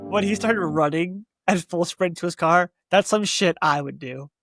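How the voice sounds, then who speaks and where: Man, high-pitched, casual rambling, likes and you-knows, soft music behind. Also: measured pace. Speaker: co-host reader. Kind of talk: casual chat between readings.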